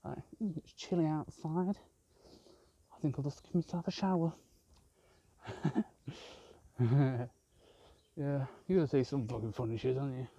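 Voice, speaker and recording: A man's voice: mid-range voice, a little slow, vocal fry, long pauses, mellow, husky, dry recording, highs cut off. A man rambling and swearing constantly as he films a vlog on a walk outdoors in a park with his phone. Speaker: vlogger. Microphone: handheld phone camera.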